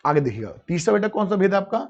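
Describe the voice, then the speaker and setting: Racing along in a high-pitched, sing-song voice, a man teaches grammar in a live online class. He calls students "beta" and answers his own questions, on dull lo-fi audio.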